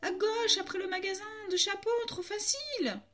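A woman's voice: extremely high pitch, moderate pace, a bit bright, faint music behind, pitched above the performer's own voice. A woman reading a children's storybook aloud, voicing a boastful male Persian cat who knows every street, in a cocky, exclamatory manner. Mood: triumphant.

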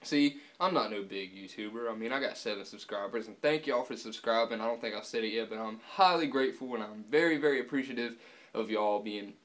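A young man talking casually to camera with dip in his lower lip, laid-back and swearing often, filmed at home with the camera on a subwoofer. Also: brisk, a bit bright. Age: young adult. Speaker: vlogger. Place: indoors, room at home.

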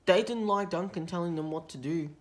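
A woman reading a children's storybook aloud in a steady, expressive way. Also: fairly low pitch, fairly quick.

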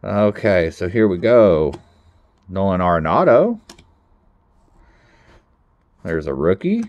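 A man chatting casually to viewers while opening trading card packs, nervous and then bursting into loud excited exclamations. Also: low-pitched, takes it slowly, dry recording, highs cut off. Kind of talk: casual pack-opening commentary.

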